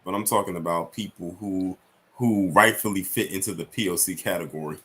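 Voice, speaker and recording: A man in a casual podcast chat, speaking in a measured, careful way. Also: low voice, fairly bright tone.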